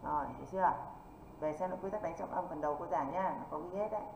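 A female English teacher from northern Vietnam, somewhat low-voiced, leads an online exam-prep session and keeps asking quick rhetorical questions to check in. Faint noise runs through the echoey, dull lo-fi recording.

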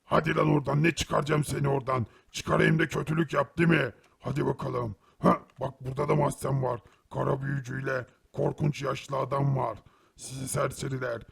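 A man voicing a tough, short-tempered ghostly creature in a cartoon who grumbles and shouts threats in fights. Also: medium pitch, level tone, a little fast, creaky, a little hiss or hum. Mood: combative. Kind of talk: animated cartoon voice acting.

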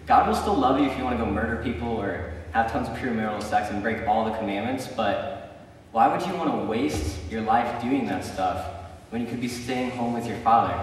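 A young man with a mid-range voice preaches a conversational sermon in a church sanctuary, sharing stories and often saying um and like. Recorded from far away in an echoey hall, the clip has slight background noise.

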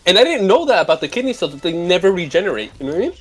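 A young man in loose, profane chat among friends, his voice sitting a little high and bouncing around a lot in pitch. He rambles through stories and keeps checking in with "you know what I mean.". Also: sing-song, very fast, husky. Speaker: gamer chatting with friends. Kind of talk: casual chat.

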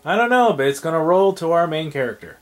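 A man's voice: fairly high pitch, animated, quick pace, faint music behind. A tired young man hosting a casual let's play, rambling and trailing off with fillers as he comments on the game.

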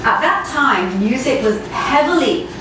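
A woman's voice: sits high, lively intonation, measured pace. Effusive woman host in an echoey studio. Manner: effusive, enthusiastic, many ums. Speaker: interview host. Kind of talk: conversational interview. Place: studio set with red wall. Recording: echoey room, mic at a distance, audible room noise.

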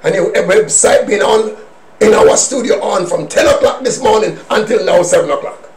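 A male minister preaching a personal testimony in a church service, with emphatic swings between hushed asides and shouted declarations. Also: high voice, expressive, normal speed, a crowd in the background. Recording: roomy echo.

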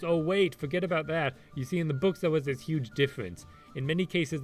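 A man who says his r like w, giving sarcastic, exasperated commentary as an opinionated critic who swears. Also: medium pitch. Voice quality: rhotacism, r sounds like w. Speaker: video essay critic. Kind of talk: opinionated ranting video commentary. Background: music behind the voice.

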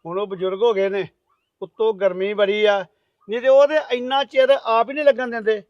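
A man's voice: sits high, steady tone, fairly quick, dry recording, lo-fi sound, lightly acted. An actor playing a stubborn, short-tempered middle-aged husband who scolds his wife. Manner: bossy, scolding.

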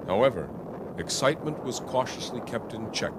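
A man's voice: mid-range voice, animated, normal speed, heavy background noise. A man reading scripted narration for a documentary.

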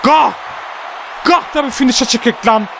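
A man hosting a gaming channel, giving excited live commentary on a wrestling match, trash-talking his opponent and shouting out pin counts. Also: high-pitched, measured pace, a crowd in the background, background noise.

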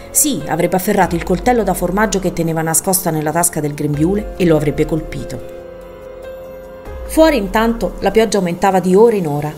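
A woman narrating a literary audiobook in a measured, expressive reading. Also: lowish voice. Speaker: audiobook reader.

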